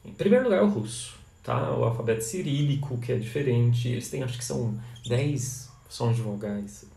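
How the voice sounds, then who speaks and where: A man's voice: normal speed, gravelly, reverberant, slight background noise. A Brazilian man with a Brazilian Portuguese accent, a language teacher answering viewers' questions in a live session and sounding out foreign phrases. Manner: animated, pitch leaps up and down, demonstrates foreign phrases.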